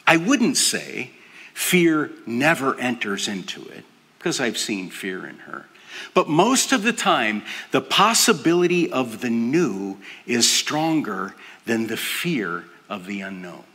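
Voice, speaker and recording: An older man preaching a sermon, earnest and dropping to a soft hush for emphasis. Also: mid-range voice, big pitch swings, slow pace. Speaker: pastor. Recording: long hall reverb.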